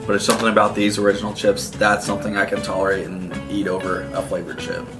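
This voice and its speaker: A man's voice: on the low side, flat delivery, fast, music in the background. A man co-hosting a casual food review, plain-spoken as he explains what he thinks. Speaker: co-host of a snack review show.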